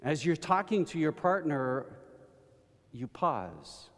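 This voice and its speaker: A man preaching a sermon, telling everyday stories at an unhurried pace and building to emphatic bursts. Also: a little high, very animated, a bit bright. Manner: slow, storytelling delivery with rising emphatic bursts. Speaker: pastor. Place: church sanctuary. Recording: long reverb of a church hall.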